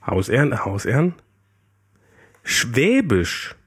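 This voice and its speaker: A man's voice: mid-range voice, very animated, slow pace, a bit bright, husky. A man co-hosting a casual chat, rambling and joking at his own expense with many restarts. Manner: rambling, self-deprecating, lots of restarts. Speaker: podcast co-host.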